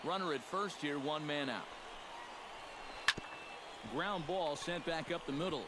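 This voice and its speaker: A man playing a steady, polished play-by-play baseball announcer in a sports video game. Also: a little high, heavy background noise, lightly acted. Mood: steady, engaged. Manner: polished, measured broadcast delivery. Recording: loud stadium ambience behind the voice.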